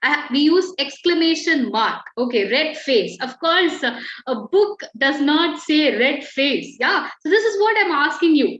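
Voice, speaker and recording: This young adult woman's voice sits high and fairly bright. Leading an online writing class, she stays encouraging and patient, illustrating points with examples and fillers. Her call sounds echoey and a little dull.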